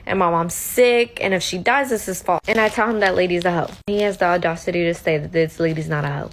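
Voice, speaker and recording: A woman's voice: lowish voice, fast, a little hiss or hum. A woman in her twenties telling a story casually in parts, heated and candid, swearing freely and acting out the lines people said. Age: 20s. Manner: candid, heated retelling with frequent profanity; acts out quoted dialogue. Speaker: storytime creator.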